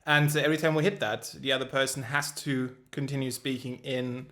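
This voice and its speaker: A man's voice: medium pitch, fairly even intonation, a little fast, a bit bright. A young man co-hosting a casual podcast chat, rambling with lots of fillers and frequent giggles. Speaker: podcast co-host.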